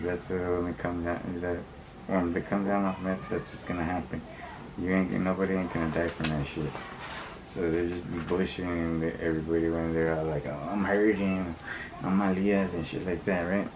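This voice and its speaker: A vlogger with a low-pitched voice and a level tone talks casually to viewers, voicing opinions in blunt, slangy street language. He halts, rambles, repeats himself and often backtracks, against a clearly noisy backdrop of ambience.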